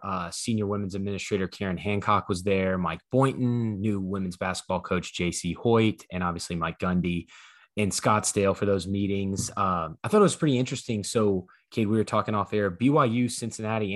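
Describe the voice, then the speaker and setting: A young American man chats casually as co-host of a sports podcast. His voice sits low, and the recording is dry and close. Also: no echo.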